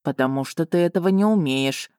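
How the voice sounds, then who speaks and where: Woman doing a gruff male dragon, stern, curt, lowered voice, dry close sound. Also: brisk, a little mellow, no room sound, lightly acted. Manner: curt, clipped and dryly stern. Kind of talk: audiobook character voicing.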